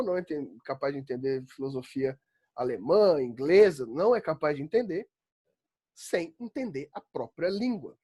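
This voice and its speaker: His voice sits high, a little mellow with a breathy edge, as this Paulista-accented law school philosophy professor from São Paulo, Brazil lectures online from home during quarantine. He's chatty and emphatic, keeps asking "né?", and can escalate into exasperated rants.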